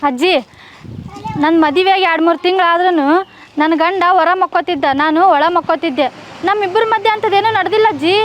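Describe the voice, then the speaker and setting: A woman's voice: extremely high pitch, slight background noise. A woman playing a pleading young bride. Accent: North Karnataka Kannada. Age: young adult. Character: young bride pushed into marriage. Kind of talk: short film acting.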